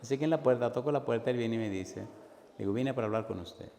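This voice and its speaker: A man's voice: mid-range voice, fast, gravelly. A man pastor preaching a sermon, animatedly acting out the voices in his stories. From Caribbean Spanish-speaking country. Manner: animated storyteller acting out dialogue. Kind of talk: sermon with storytelling. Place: church hall. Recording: long hall reverb, faint noise.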